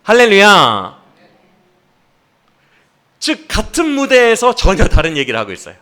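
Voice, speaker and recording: A man's voice: sits high, quick pace. A middle-aged male pastor preaching a sermon, keeps asking the congregation questions and acts out quoted lines with sarcasm. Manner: animated preaching, acting out quoted speech with sarcasm; asks the congregation frequent questions.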